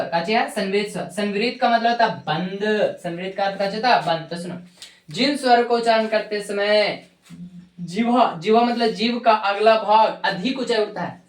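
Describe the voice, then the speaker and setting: A woman with a Magahi-inflected Bihari Hindi accent teaching a grammar lesson, repeating each point and quizzing the class, then answering her own questions. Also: medium pitch. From Bihar, India. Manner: repetitive drilling, asks questions and answers them herself. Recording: echoey room.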